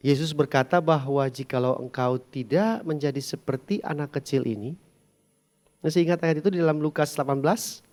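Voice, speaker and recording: A man in his thirties preaching a sermon as a pastor, telling a story with humor and lively swings between loud and soft, with English phrases mixed in. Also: a little high, a little fast.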